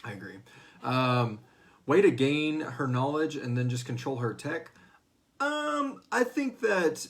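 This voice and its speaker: The voice belongs to a man with fairly high pitch and big swings in intonation, speaking slowly. He's the writer and host of a serialized audio fiction series, running a casual Q&A and tossing in snippets of acted dialogue along the way.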